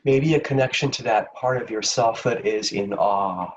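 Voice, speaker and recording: Long pauses separate the phrases as a man with a lowish voice leads a gentle, unhurried, soothing guided meditation. The mic is distant, and the rough recording carries a little hiss or hum.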